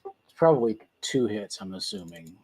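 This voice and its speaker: A man running a tabletop game as game master, thinking aloud in an unhurried way with pauses. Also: fairly low pitch, animated, warm tone, no echo.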